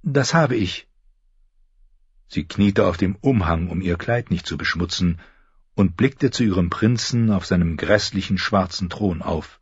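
Low, husky male audiobook narrator. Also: moderate pace, no echo, highs cut off. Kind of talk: scripted narration.

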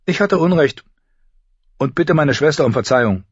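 Audiobook: man as unsure young girl, raised voice, halting. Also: fairly high pitch, animated, slightly rough, no room sound, muffled recording, voice pushed up. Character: tomboyish young noble girl, hesitant.

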